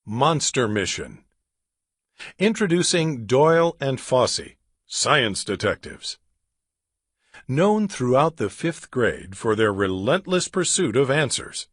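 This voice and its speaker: Guy reading a kids story aloud, slow and dramatic, dry sound. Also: medium pitch, fairly bright tone, breathy edge, no room sound. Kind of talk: children's story read aloud.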